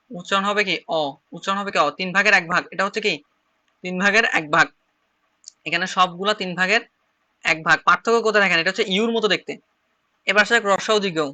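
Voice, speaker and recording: A man's voice: high voice, pushed and bright. A man from Bangladesh with a Chittagong Bengali accent, teaching an online shorthand class and repeating each step patiently. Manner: repetitive, drilling, step-by-step explaining.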